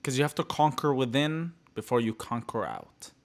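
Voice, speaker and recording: A young man from the Middle East giving a passionate live motivational talk to his audience, repeating phrases and swinging from loud bursts to hushed, quiet lines. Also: medium pitch, sing-song, normal speed. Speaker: motivational speaker.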